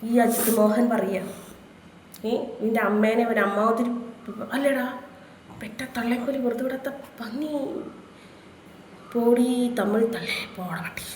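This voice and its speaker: Live streaming from Kerala, India, a woman chats loosely and swaps crude insults with viewers, speaking a little slowly and pausing often. Her voice sits on the high side with a darkish tone. Faint noise and room echo come through.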